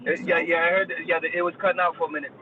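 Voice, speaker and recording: Brief: male guest from California on a phone-like line with dropouts, quick and agreeable, high-pitched. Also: level tone. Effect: audio cutting in and out over a call line. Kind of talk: casual chat on a video call. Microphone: video call. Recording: tinny call line with faint noise.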